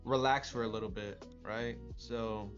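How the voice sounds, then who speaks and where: A man's voice: on the low side, fairly even intonation, measured pace, dull audio, soft background music. A man chatting about trades on a live stream, brash and rambling, swearing freely. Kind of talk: casual trading chat.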